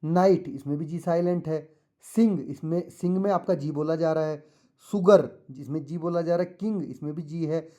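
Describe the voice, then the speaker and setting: Man, patient school lesson, mellow voice, somewhat high pitch. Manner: mixes English and Hindi, reads English slowly then explains; patient, repetitive, addresses children directly. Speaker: teacher. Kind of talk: explaining a school textbook lesson to children.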